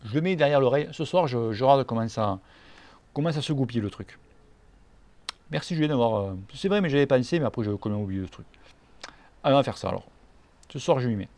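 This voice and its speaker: Southern french guy, gravelly voice, jokey and blunt, reads out viewer questions and answers them. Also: mid-range voice, expressive, quick pace, pauses often, a little mellow. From Catalonia, near Perpignan. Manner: blunt, joking, slangy. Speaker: cycling channel host.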